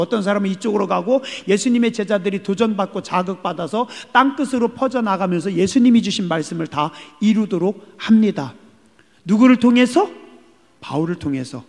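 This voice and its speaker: A male pastor preaching a sermon, firing questions at the congregation and swinging between loud calls and hushed words. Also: high voice. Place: church sanctuary. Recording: long hall reverb.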